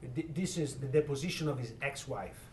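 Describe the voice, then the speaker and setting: Hosting an event, a foreign-born professor with a heavy accent fields audience questions in a panel discussion, pausing often to find his words. He speaks at medium pitch, and the distant mic captures room echo and faint noise.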